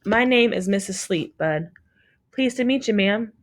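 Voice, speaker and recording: A woman's voice: mid-range voice, animated, measured pace, voice pushed up, natural voice. A woman reading aloud, voicing a kind motherly woman in a children's storybook. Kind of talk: audiobook reading.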